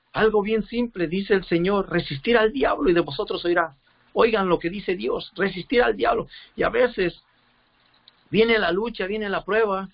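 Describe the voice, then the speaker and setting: A man preaching a sermon with fervor, reading scripture slowly and often repeating words as he searches for them. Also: high voice, creaky, lo-fi sound. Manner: reads scripture slowly, drawn out.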